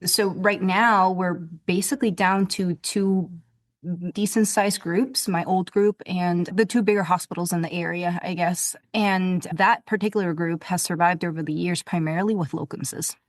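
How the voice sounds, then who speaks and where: Woman, from Venezuela, pediatrician, podcast guest, measured explaining, dry recording. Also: lowish voice, fairly even intonation, no room sound.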